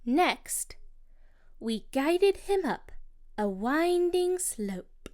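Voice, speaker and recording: High, slow sing-song storybook woman. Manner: slow, expressive, sing-song rhyming delivery. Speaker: storybook narrator. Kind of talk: children's picture book read-aloud.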